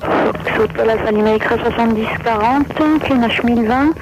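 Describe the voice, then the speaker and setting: A man's voice: extremely high pitch, normal speed, lo-fi sound. A man speaking clipped aviation radio phraseology, heard over a pilot headset. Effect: aircraft radio heard over a pilot headset. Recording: very noisy aircraft radio.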